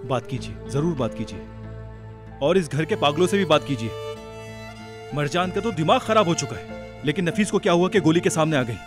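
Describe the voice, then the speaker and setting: एक अभिनेता एक गुस्सैल, ज़िद्दी जवान पति का किरदार निभाता है, ऊँची और तेज़ बहस करता हुआ।. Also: male voice, on the high side, lively intonation, a little fast, pauses often, music in the background, lightly acted. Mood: subdued. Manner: shouting, forceful, argumentative. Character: hot-tempered young husband, proud and stubborn. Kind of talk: television drama acting.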